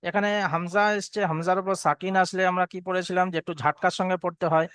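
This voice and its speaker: A man teaching Quran recitation in a lesson. His voice is high and resonant, and the recording is dry. He breaks every word into its letters and vowel marks before he chants it slowly. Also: flat delivery, a bit bright, clean tone, no room sound. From Bengal. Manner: spells each letter and vowel, then chants the verse slowly. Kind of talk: spelling out and reciting verses for students.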